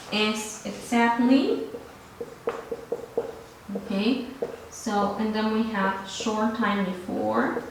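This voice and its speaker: Slow-talking woman teaching in an echoey room. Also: on the high side. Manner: switches between English and Spanish, frequent "okay?" checks. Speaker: English teacher. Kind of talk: online grammar lesson. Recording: very echoey room with faint ambient noise.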